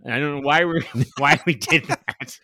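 Man, podcast co-host, playful, laughs a lot, bright tone, dry sound. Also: on the high side, moderate pace, no echo. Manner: jokey, laughs often, tries silly accents. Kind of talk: casual podcast banter.

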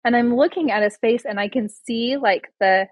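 A middle-aged woman telling a story in casual chat, animated and full of fillers, acting out the voices of the people in it. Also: fairly high pitch, normal speed, no echo, lo-fi sound. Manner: animated, acts out quoted voices, many fillers. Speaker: podcast guest, doula.

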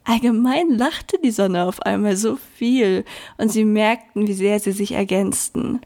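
A woman reading a children's story aloud in a soft, gentle manner, now and then speaking directly to the listener. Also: medium pitch, measured pace, gravelly.

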